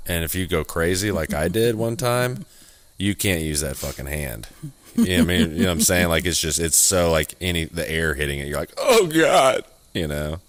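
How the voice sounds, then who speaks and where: A man's voice: low-pitched, a little fast, dry recording. A young man co-hosting a podcast in casual chat, loose and profane, rambling and restarting his sentences. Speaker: podcast co-host.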